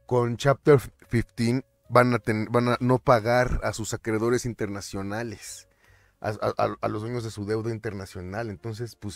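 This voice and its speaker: A chatty Mexican man comments casually over screen captures on his finance vlog. He is animated, stumbling and repeating words while slipping in English terms. His voice is lowish and the recording dry.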